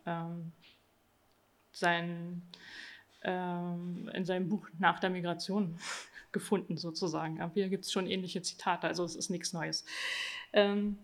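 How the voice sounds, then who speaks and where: Woman giving a research talk, slightly low voice, lots of ums, reads off her slides. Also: flat delivery, a little slow, long pauses. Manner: hesitant, frequent filler sounds between phrases. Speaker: researcher presenting her study. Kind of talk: academic presentation reading from slides.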